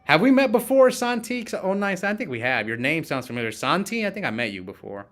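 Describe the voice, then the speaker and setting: A man streams an online card game, chatting casually with his viewers and thinking aloud about his moves while restarting phrases. His voice is high, bright and crisp-edged, very animated, and fairly quick.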